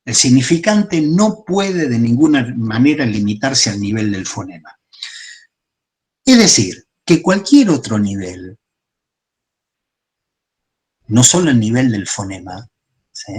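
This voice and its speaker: A man delivers a class lecture at a middle pitch. He explains patiently, building his points step by step. He often pauses to check in with the room. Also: big pitch swings. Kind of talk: class lecture on psychoanalytic theory.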